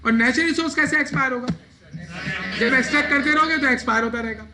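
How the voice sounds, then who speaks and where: A man's voice: very high voice, quick pace, crowd noise. A man teaching an accounting class, asking his students questions and answering them himself. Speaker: accounting lecturer. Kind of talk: classroom lecture.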